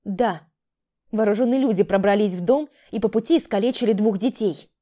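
A woman's voice: medium pitch, brisk, warm tone, lightly acted. A woman voicing a stern older sister, a doctor, who interrogates and gives orders in a raised voice. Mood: angry. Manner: commanding, interrogating.

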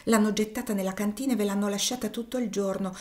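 A woman voicing a secretive woman who sells bread in a read-aloud novel, speaking in a hushed, confiding voice. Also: medium pitch, fairly even intonation, quick pace, lightly acted.

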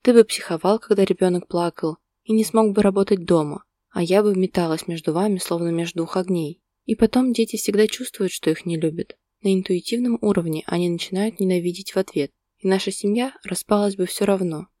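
A woman reading the part of a heartbroken young woman, speaking quietly with tearful resolve. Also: fairly low pitch, fairly quick, hardly any pauses, no room sound, clean studio sound, close to an everyday voice. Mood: bitter.

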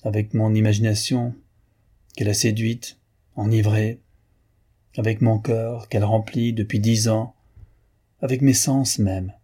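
A man reading the part of a young painter confessing a passionate love, in an earnest, husky voice. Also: lowish voice, warm tone.

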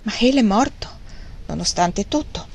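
A woman reading the lines of a wry, grieving old gentleman in an audiobook, with a rambling, self-mocking manner. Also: mid-range voice, lively intonation, normal speed, creaky.

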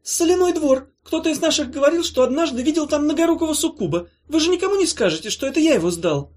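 A shrill wailing cowardly succubus. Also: female voice, expressive, fast talker, darkish tone. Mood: babbling. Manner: pleading, wailing, stammering. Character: whiny cowardly succubus demon trapped in a box.

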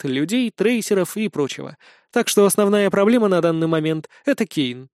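A hot-tempered young woman wielding godlike power, all sharp and heated edges, as a man reads her aloud. The voice sits high and the sound is close and dry. It has the feel of a storybook read aloud. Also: no echo.

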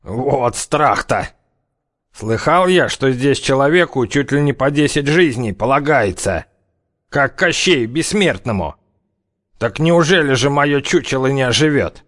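A man voicing a cocky, menacing gangster who threatens in slow, drawling criminal slang. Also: medium pitch, fairly bright tone, pitched above the performer's own voice. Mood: mocking. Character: tough one-eyed-gouging gangster, cocky, menacing.

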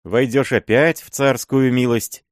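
A man's voice: mid-range voice, fairly even intonation, a little slow, dry recording, studio quality, voice pushed up, natural voice. A man doing a fawning old miller sorcerer. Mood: wheedling. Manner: wheedling, bowing and scraping.

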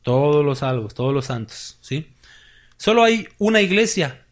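A man's voice: a little high, very animated, measured pace. A man preaching a sermon as pastor, with emphatic rises and drops, asking the congregation questions.

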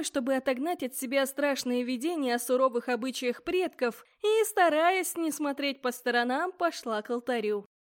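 A woman reading a first-person fantasy audiobook aloud, expressive and voicing the characters as she goes. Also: sits high. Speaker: audiobook narrator.

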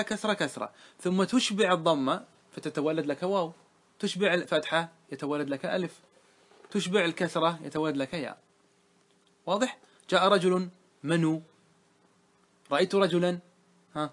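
A man leads a grammar lesson. His voice sits slightly high. He keeps quizzing the room, echoing each answer before moving on. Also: moderate pace, long pauses, a bit bright. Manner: quizzing students with repeated questions. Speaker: teacher of Arabic grammar. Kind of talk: classroom lesson.

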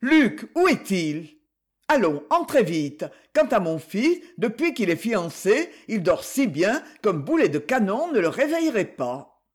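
A grumbling old shoemaker, roused from sleep, flustered and querulous, as a male reader voices him. His voice rides high and jumps about in lively swings. A storybook figure. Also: unhurried, exaggerated voice.

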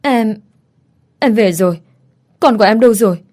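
A woman's voice: on the high side, animated, a little fast, dark tone. A woman voicing a desperate young mother, breathless and pleading through tears, in an audio story.

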